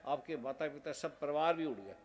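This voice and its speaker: High-voiced man preaching a sermon. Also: animated, a little fast. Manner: preaches in short repeated phrases. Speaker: spiritual guru. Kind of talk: devotional sermon.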